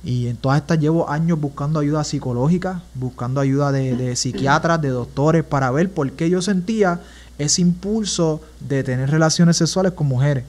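A young man with a Puerto Rican Spanish accent, a guest on a podcast, earnestly and emotionally shares his personal story in a casual interview. His voice is a little high and a little mellow at a normal speed, with slight hiss or hum.

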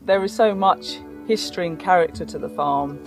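A woman's voice: lowish voice, normal speed, over music. A woman farm owner speaking about her land with affection in a casual interview.

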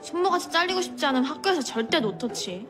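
A young woman playing a stern, no-nonsense high school girl in a TV drama, curt and exasperated. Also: very animated, fast, over music. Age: young adult. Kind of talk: Korean television drama acting.

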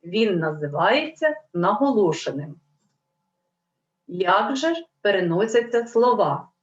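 Slow, lively-voiced woman teacher. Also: mid-range voice, reverberant, highs cut off. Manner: slow, clear, drawn-out word dictation. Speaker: primary school teacher. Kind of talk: Ukrainian language lesson for children.

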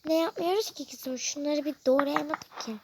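Girl doing doll mum, high voice, shrugging replies, noisy home recording. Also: normal speed. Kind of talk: child's doll role-play vlog.

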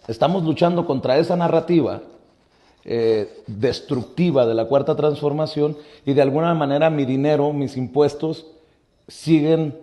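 A man's voice: a little high, dark tone. A middle-aged man from Mexico hosting an interview, pressing his questions insistently with a touch of sarcasm. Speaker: interviewer, host. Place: indoor office with wooden cabinets.

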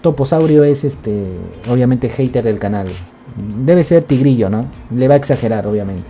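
A male streamer chatting casually on a live stream, excitable, swearing and rambling. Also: mid-range voice, normal speed, faint music behind.

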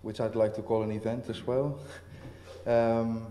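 At a festival talk venue, a visiting artist speaks haltingly during a casual panel talk, using many fillers and restarts. His voice is medium-pitched, warm, and flat in delivery, captured in a roomy hall with faint background noise.

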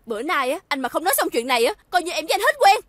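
An actress playing a jealous, sharp-tongued young fiancée, needling and confrontational. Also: female voice, high voice, sing-song, rapid-fire.

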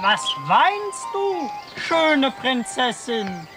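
A woman plays a fairy-tale frog in a radio play, pitched high and swooping up and down as it bargains slowly. Music plays clearly behind it. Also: sing-song, full character voice. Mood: pleading. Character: slow, halting frog who cannot croak.

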